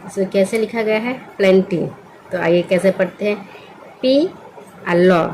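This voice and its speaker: A woman's voice: medium pitch, measured pace, a little mellow, slight background noise, rough recording. A woman teaching English spelling word by word, patiently asking questions and answering them herself. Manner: patient, asks and answers her own questions. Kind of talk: slow spelling lesson.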